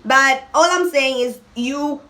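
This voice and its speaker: Her voice sits high and her pace is slow as this young woman, a mukbang vlogger, talks casually to camera. She comes across as animated and emphatic, often leaving thoughts unfinished.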